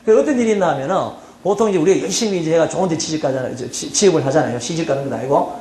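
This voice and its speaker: A middle-aged man from the Gyeongsang region with a Gyeongsang accent, giving a humorous university lecture and checking on his students with quick "eh?" asides. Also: on the high side, animated, mellow. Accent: Gyeongsang Korean. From South Korea, Gyeongsang region. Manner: chatty, teasing, checks the audience with frequent "예?" and "어?". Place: lecture hall. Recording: roomy hall with faint background noise.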